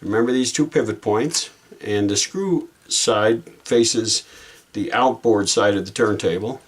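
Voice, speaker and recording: Thinking aloud in a homespun, informal style, a repair hobbyist shows how to do a fix in his how-to video. He speaks slowly in a fairly low, slightly rough voice.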